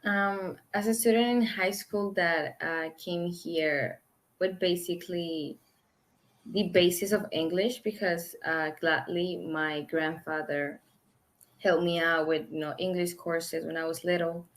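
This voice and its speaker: A woman's voice: lowish voice, steady tone. Hesitant young woman student from Colombia. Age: young adult. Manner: hesitant, with pauses and fillers. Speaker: college student guest.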